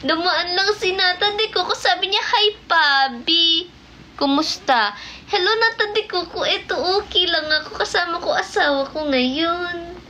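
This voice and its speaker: Woman livestream host from the Philippines, teasing, laughs a lot, high pitch, faint background hiss. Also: moderate pace, pushed and bright, poor audio. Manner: playful and teasing, laughs often. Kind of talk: casual livestream chat. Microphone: phone mic.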